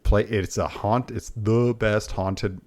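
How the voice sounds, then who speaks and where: Casting note: male podcast co-host, very deep voice, wry and easygoing. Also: steady tone, slow, a little mellow. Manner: laid-back, wry, chatty. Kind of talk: casual chat.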